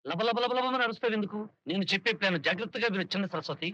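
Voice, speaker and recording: An actor playing a scheming, boastful harmonium player in a film comedy, theatrical in delivery. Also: male voice, sits high, rapid-fire, pushed and bright. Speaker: comic lead. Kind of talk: Telugu film comedy dialogue. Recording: dry, dull film soundtrack.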